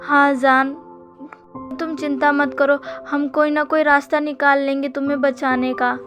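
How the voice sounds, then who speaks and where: A woman voicing a grieving young man who gently reassures his friend through tears. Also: sits high, flat delivery, unhurried, music in the background. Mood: consoling.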